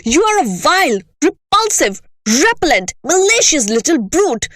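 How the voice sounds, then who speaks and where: Tyrannical giant headmistress, loud and scornful, swooping high and wild, read by a woman. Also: sing-song, unhurried, no room sound, studio quality. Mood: raging. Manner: shouting, contemptuous.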